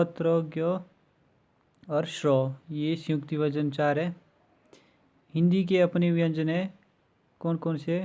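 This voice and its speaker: Teaching grammar for an exam, a man goes slowly and methodically through lists of letters and illustrates each with examples. Though his pitch is a little high for a man, his voice comes across as mellow and dark, and he keeps an even, flat delivery.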